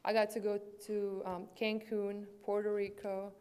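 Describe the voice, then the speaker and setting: A woman in her twenties from Serbia, with a Serbian accent, giving an earnest prepared speech at a banquet as a student athlete, speaking with a swollen lip and pausing on fillers. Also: mid-range voice, monotone, a little mellow, smooth. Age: 20s.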